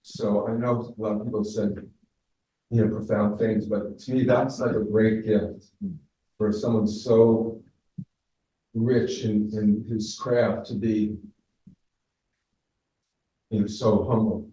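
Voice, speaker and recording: A man, a former student, giving a spoken memorial tribute in a halting way, searching for words with many fillers. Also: lowish voice, little pitch movement, mellow. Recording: very echoey, distant from mic.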